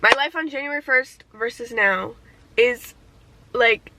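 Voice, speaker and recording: A woman's voice: a little high, unhurried, pushed and bright, a little hiss or hum, poor audio. A young woman talking casually and candidly in a year-in-review vlog, reflective and swearing freely, getting teary at times. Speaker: vlogger.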